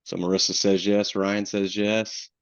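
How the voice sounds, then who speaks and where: Southern guy presenting a webinar over a call, lowish voice, kinda muffled audio, lots of um and restarting. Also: level tone, measured pace, dry recording. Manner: casual, with frequent restarts and fillers. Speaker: flood insurance program manager, webinar presenter.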